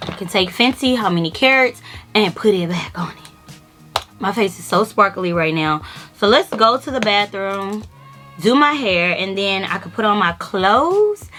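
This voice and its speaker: A woman's voice: medium pitch, lively intonation, unhurried, pushed and bright. A woman in her young adult years, chatting casually through a get-ready makeup tutorial, filling her talk with "like". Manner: casual, chatty, lots of "like" fillers. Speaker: beauty vlogger. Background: faint music.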